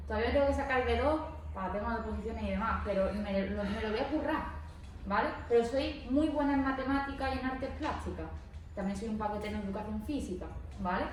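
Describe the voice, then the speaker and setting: A young woman from chats as a guest and keeps checking in with quick tag questions. She sounds encouraging and easygoing. The mic sits far from her, so her voice rings in a roomy space with light background noise. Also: on the high side. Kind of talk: casual chat.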